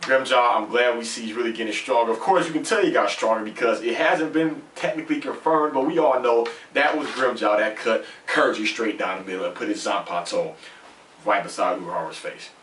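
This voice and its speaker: A man's voice: mid-range voice, fairly quick, a bit bright. A man with a lisp and slushy s sounds gives a casual, rambling review, repeating himself for emphasis. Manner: conversational, rambling, emphatic repetition. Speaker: host of a manga chapter review. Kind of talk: casual off-the-cuff review commentary. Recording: roomy, distant mic, faint noise.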